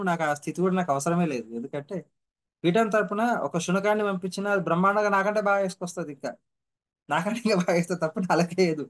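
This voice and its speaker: A man giving a humble, earnest devotional testimony, repeating his points for emphasis. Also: high-pitched. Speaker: devotee sharing his experiences.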